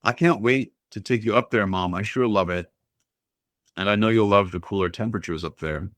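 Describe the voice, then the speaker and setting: A man's voice: on the low side, fairly quick, a bit bright, dry recording, natural voice. A man voicing a playful, upbeat mother of several kids. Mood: eager.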